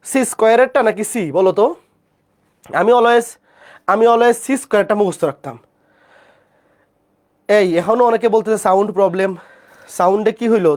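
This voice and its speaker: A math teacher with a Bangladeshi Bengali accent gives a live online class lecture. The teacher has a fever, speaks softly, and keeps checking in with the students. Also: medium pitch.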